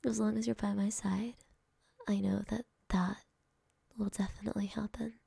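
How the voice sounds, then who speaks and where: A young woman whispering softly and affectionately to a partner in an ASMR roleplay, speaking close to the microphone. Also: medium pitch, little pitch movement, normal speed, gravelly, slightly rough, dry recording. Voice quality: soft whispering, intimate and affectionate. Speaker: girlfriend in a roleplay.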